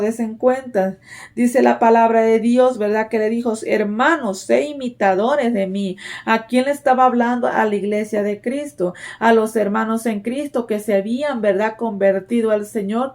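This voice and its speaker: A woman's voice: a little high, darkish tone. A woman preaching a sermon in an earnest, exhorting way, often asking her listeners "right?" and repeating her phrases. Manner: repeats "¿verdad?" and "déjenme decirle" as fillers.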